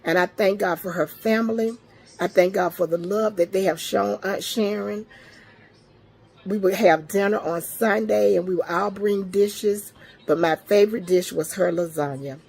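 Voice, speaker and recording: Tearful low gravelly woman. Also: darkish tone. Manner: prayerful, speaks in blessings. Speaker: mourner giving a memorial tribute. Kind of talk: heartfelt spoken tribute.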